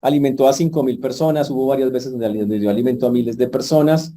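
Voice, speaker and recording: A man's voice: mid-range voice, fast, dark tone. A male pastor, preaching a sermon in a conversational way and putting questions to the congregation. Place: church.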